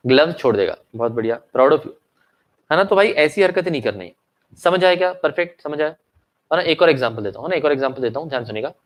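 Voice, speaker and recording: A man's voice: fairly high pitch, animated, fast. A young man teaching an online lecture, mixing English into his Hindi, asking checking questions and coughing now and then. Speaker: commerce exam teacher. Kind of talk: online lecture with story examples.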